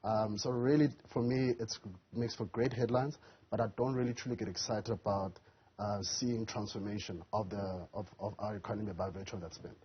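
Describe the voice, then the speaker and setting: Emphatic male guest; breathy, husky timbre; muffled broadcast audio. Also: fairly low pitch, steady tone, a little fast. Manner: emphatic, keeps stressing his key words. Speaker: youth business advocate and entrepreneur. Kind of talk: live TV panel discussion.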